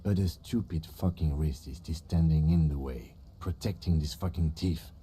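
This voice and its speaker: Very deep, bright-edged police lieutenant. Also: male voice, normal speed, slight background noise. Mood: cold menace. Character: calm, stern police lieutenant, menacing when bluffing. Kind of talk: dramatic video game dialogue.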